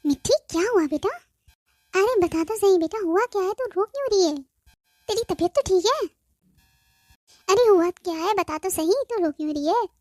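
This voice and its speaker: A woman's voice: extremely high pitch, lively intonation, moderate pace, pauses often, mellow, no room sound. A woman voicing a worried cartoon mother on the phone who presses her daughter with questions and scolds her firmly. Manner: anxious questioning, then firm scolding. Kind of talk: cartoon voice acting.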